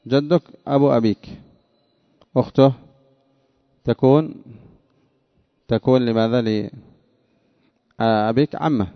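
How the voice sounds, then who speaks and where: Man teaching a religious lesson, deliberate. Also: medium pitch, vocal fry, dry recording. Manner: deliberate, repeats and restates points, quizzes listeners. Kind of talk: classroom lesson explaining scripture. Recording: dull lo-fi dry recording.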